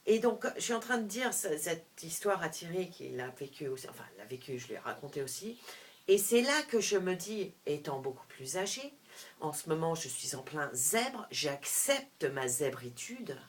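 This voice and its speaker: A middle-aged woman telling a personal story to camera, animated, with frequent restarts, moving between hushed and loud. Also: medium pitch. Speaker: vlogger.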